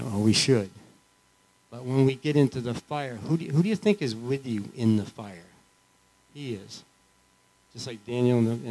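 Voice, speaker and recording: A man giving an informal, earnest testimony in church, halting and restarting often as he speaks. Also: medium pitch, warm tone, low-quality recording. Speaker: church member sharing.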